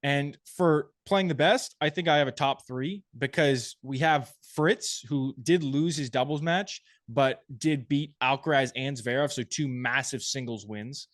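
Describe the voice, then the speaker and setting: A man co-hosting a tennis podcast, giving measured opinions and restarting phrases as he thinks aloud. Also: medium pitch, fairly bright tone, dry recording, studio quality. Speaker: podcast co-host. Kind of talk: casual sports chat.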